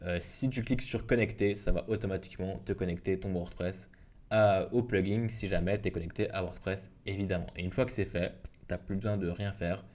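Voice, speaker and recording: A young man giving a casual, filler-heavy software tutorial. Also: sits low, steady tone, fairly quick. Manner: casual, informal, many fillers and restarts. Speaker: WordPress tutorial youtuber. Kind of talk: screen-recorded software tutorial.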